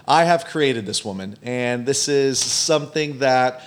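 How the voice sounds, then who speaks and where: A man's voice: medium pitch, unhurried. A young man hosting a podcast, chatting casually and playfully teasing his guest. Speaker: podcast host.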